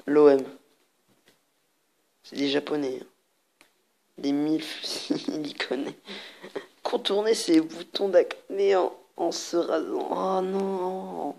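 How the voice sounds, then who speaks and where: Her voice sits fairly low and comes out slow and a little mellow, with vocal fry and long pauses. In this let's play, the gamer and video host reads the cards of an online party card game aloud on her channel, laughing frequently and tossing out crude jokes.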